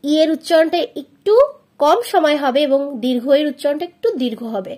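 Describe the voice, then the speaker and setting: A woman with a Bengali accent teaching letter sounds to children, modeling each sound slowly and clearly. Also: high-pitched, expressive, mellow. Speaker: English teacher on a video channel. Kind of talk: phonics lesson for children.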